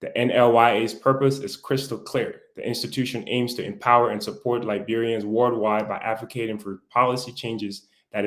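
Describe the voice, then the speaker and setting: A man hosting a talk show, reading a formal introduction and then asking interview questions in an upbeat way. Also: mid-range voice. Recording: roomy echo.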